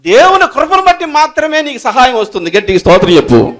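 Male pastor, high-pitched, fervent sermon delivery with repeated calls. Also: sing-song, fast. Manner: preaching with rising shouted bursts and repeated calls for praise; low murmured prayer. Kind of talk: Telugu sermon with prayer.

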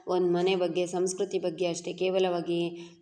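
Woman reading as a steady, principled young wife, low even tone, echoey. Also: moderate pace, close to an everyday voice. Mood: firm. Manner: calm, firm, reproachful. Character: patient, principled young daughter-in-law.

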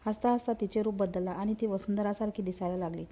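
A woman narrating a horror romance story in a steady storytelling manner. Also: mid-range voice, fast talker.

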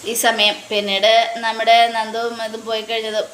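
A woman's voice: on the high side, monotone, normal speed, a bit bright. Woman casually retelling a serial. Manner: loose, conversational retelling. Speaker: serial recap narrator. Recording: echoey room, faint noise.

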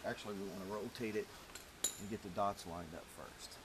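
A home mechanic, middle-aged, demonstrates an engine rebuild in a large metal-walled indoor garage, giving casual, practical instructions in short pieces while working with his hands. His low-ish voice is brisk with fairly even intonation, picked up by a camera mic a step or two away amid workshop noise and clicking tools.

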